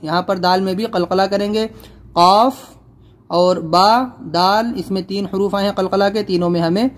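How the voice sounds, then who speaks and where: A man with a fairly high voice teaches Quran recitation in a tajweed lesson. He chants verses slowly and melodically, then explains each sound patiently and repeats words over and over for the learner. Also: little pitch movement. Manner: slow drawn-out melodic recitation between plain spoken explanation.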